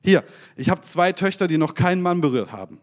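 A man's voice: sits high, expressive, a little fast, voice pushed up. A man voicing an anxious grown man who pleads earnestly, read aloud in a sermon. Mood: pleading.

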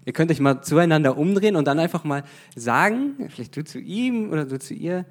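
A man's voice: on the high side, lively intonation, brisk. A man giving an informal sermon, talking conversationally with frequent fillers and restarts and now and then slipping into English phrases. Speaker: preacher.

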